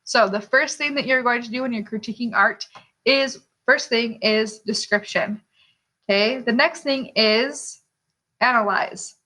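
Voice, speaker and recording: Bright, high-voiced woman teaching a lesson. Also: unhurried. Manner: rhetorical questions, checking in with "okay". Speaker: art teacher. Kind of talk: instructional lesson narration.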